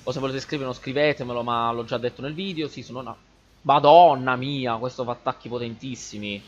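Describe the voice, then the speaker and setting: A man giving excitable, swear-laden gameplay commentary and chatting to his viewers as a gaming channel host. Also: mid-range voice, fairly quick, muffled recording.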